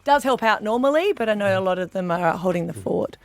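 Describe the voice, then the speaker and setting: A woman co-hosting a breakfast radio show, chatty and quick to jump in. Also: mid-range voice, lively intonation, dry recording. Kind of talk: casual radio banter.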